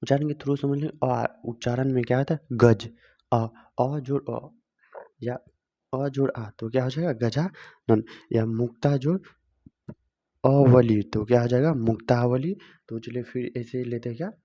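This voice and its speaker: A man's voice: mid-range voice, normal speed, dark tone. A man teaching grammar in a video lesson, asking the viewer questions and answering them himself, repeating each step. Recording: dull lo-fi sound.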